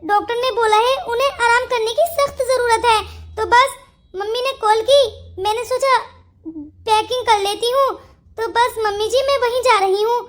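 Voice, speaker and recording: A woman's voice: very high-pitched, moderate pace. A woman voicing a scheming young wife in a Hindi cartoon story, pleading and sweetly insistent.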